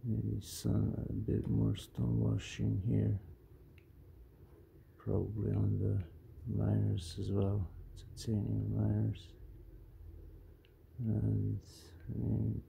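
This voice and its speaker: A man casually showing off his knives, mumbling in a quiet, halting way. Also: fairly low pitch, monotone, creaky, slight background noise. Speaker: knife collector vlogger. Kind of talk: casual show-and-tell.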